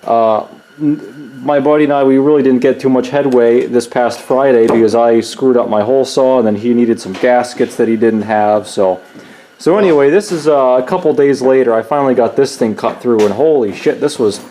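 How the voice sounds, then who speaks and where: Joking man with a mellow voice. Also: mid-range voice, normal speed, a little hiss or hum. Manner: joking, wisecracking. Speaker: channel host. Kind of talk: casual shop chat and commentary. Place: home workshop.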